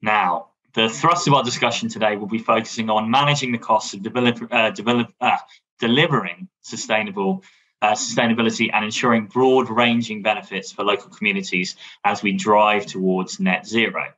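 A man's voice: lowish voice, a little fast, sharp tone, lo-fi sound. A man chairing an online panel, introducing the speakers formally with frequent fillers. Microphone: video call.

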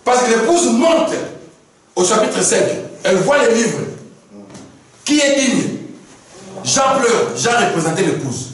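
A man's voice: very high voice, sing-song, slow pace, long pauses, heavy reverb. A man preaching a sermon, acting out dialogues in shifting voices, heard from a distance in a room with faint background noise.

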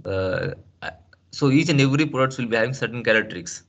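A man talks through a screen-share tutorial at a middle pitch. He explains step by step, asks the listener questions and leans on "uh" and "I mean to say" as he restarts his sentences. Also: animated, quick pace, vocal fry, fairly bright tone, dull audio. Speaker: SAP trainer.

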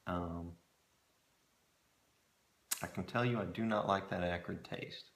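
A middle-aged man chatting casually to camera in a musing, hesitant way, often pausing mid-thought, recorded in a small room at home. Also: low voice, fairly bright tone. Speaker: pipe-smoking hobbyist reviewing tobacco blends. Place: small home storage room with shelves, indoors. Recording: roomy echo from camera mic.

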